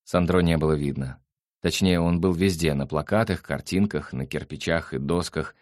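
A man narrating a novel in a measured, even storytelling manner. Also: deep voice, dry recording, clean studio sound. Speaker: audiobook narrator. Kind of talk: scripted narration.

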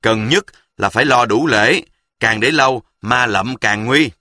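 Pompous middle-aged sorcerer, commanding and bright, read by a male narrator. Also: medium pitch, measured pace, dry recording, clean studio sound. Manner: commanding, grandiose.

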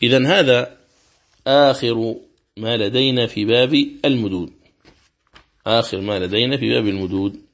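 A mid-range male voice explains Quran recitation rules during a religious lesson. His delivery is slow and deliberate, and he repeats important words.

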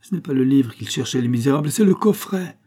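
A man reading aloud, voicing a desperate middle-aged farmer who breaks into anguished, loud outbursts. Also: medium pitch, expressive, fast, pitched above the performer's own voice, close to an everyday voice. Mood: frantic.

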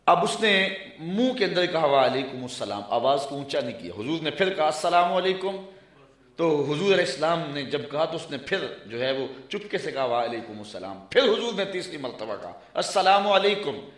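A man preaching a sermon, telling stories and drawing out Arabic quotations slowly before explaining them. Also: fairly high pitch, lively intonation, a bit bright, reverberant. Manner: slow chanted Arabic phrases between storytelling. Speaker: Islamic preacher.

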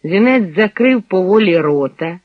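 Man narrating audiobook, expressive, husky, lively pitch, dull lo-fi sound. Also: a little slow, no room sound. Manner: expressive storytelling. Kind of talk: audiobook narration of a war story.

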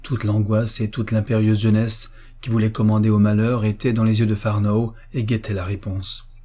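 A man narrating a classic novel as an audiobook, measured and literary. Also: on the low side, little pitch movement, mellow.

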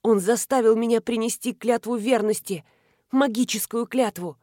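Woman reading a tearful young woman, high, urgent pleading, dry close read. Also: normal speed, mellow, dry recording, close to an everyday voice. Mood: anguished.

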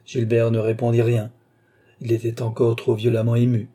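A man narrating a classic novel as an audiobook, with measured, expressive reading. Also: medium pitch.

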